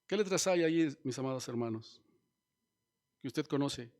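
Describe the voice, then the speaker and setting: A man's voice: mid-range voice, lively intonation, moderate pace, darkish tone. A man preaching a sermon as pastor, teaching and asking the congregation questions. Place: church.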